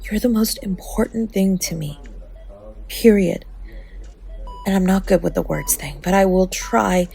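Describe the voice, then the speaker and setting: Speaking in a gravelly mid-range voice over faint background music, a woman acts out an intimate roleplay as a tender, sharp-tongued young woman guarding her lover. She's bluntly affectionate, stumbles when emotional, and comes across soft and earnest.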